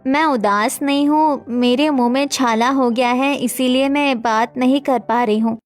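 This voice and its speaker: A woman's voice: high-pitched, fairly even intonation, measured pace. A woman voicing a meek young daughter-in-law. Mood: timid.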